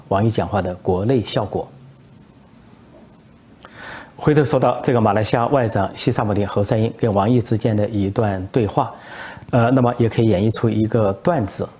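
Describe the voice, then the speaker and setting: Male commentator, low and husky, relaxed tale-spinner with hesitations. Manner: relaxed storytelling with frequent hesitations. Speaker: political commentator. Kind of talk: commentary with joke storytelling.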